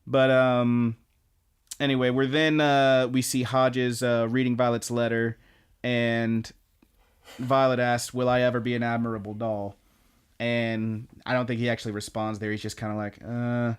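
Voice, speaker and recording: A man co-hosting a podcast, casually recapping anime episodes in a rambling, animated way and jumping into excited voices for quoted lines. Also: mid-range voice, unhurried, smooth. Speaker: podcast co-host.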